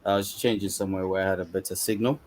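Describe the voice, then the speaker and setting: A man with a very low voice speaks easily on a video call, drifting through his points in a relaxed, conversational way. He often fills gaps with "you know" as he goes. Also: racing, a little hiss or hum. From Uganda, then UK. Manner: casual, repeats "you know". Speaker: coach and mentor, panel guest. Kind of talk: online panel discussion.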